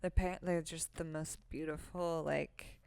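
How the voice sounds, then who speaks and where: A woman's voice: low-pitched, steady tone, measured pace, vocal fry, crowd noise. A young woman co-hosting a casual book-club podcast, chatty and laughing often, full of fillers. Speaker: podcast co-host.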